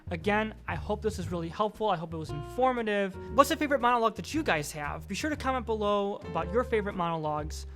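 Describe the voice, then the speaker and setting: A man's voice: high voice, animated, fast, hardly any pauses, sharp tone, faint music behind. A man hosting his own vlog, giving friendly, encouraging advice on acting as an instructional talk. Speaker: acting coach vlogger.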